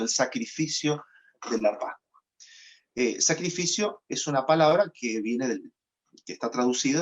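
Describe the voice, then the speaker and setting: A man in the middle pitch range delivers a sermon as a pastor, explaining things step by step in a patient teaching tone. He often pauses on fillers. The recording sounds a little dull.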